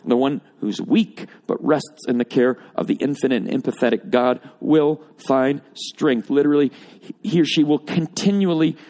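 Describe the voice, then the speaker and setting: A man's voice: medium pitch, moderate pace, hardly any pauses, a little mellow. A man preaching a sermon to a congregation, explaining scripture and building emphasis on repeated phrases. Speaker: pastor. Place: church or auditorium with congregation.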